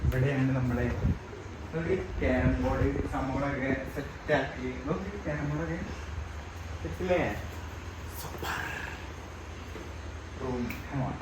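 A chatty man walks a resort with his phone in hand. He keeps checking with his family that everything is all set. A steady noisy hum sits under his voice. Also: medium pitch, a little slow, pauses often. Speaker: vlogger. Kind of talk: casual tour vlog. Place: resort, walking around. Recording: steady background noise.

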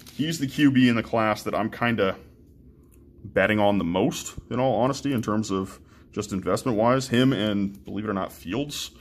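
A young man casually chatting and swearing as he opens trading card packs, with lots of ums and restarts. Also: low-pitched. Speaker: card-breaking channel host. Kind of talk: casual card-opening commentary.

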